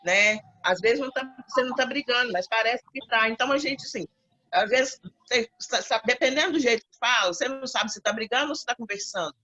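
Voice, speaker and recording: A Brazilian woman from Minas Gerais talks with a bright, fairly high voice. Her speech is chatty and circles back on itself. The audio is slightly muffled. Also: fast talker. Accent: Brazilian Portuguese, Minas Gerais. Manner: chatty, repeats herself with tags. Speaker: class participant. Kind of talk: casual chat.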